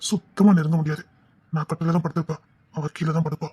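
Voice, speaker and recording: Brief: a gentle, unhappily married young man, husky and quick, quiet and consoling. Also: fairly high pitch, fairly even intonation, no echo. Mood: confiding. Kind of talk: TV serial melodrama.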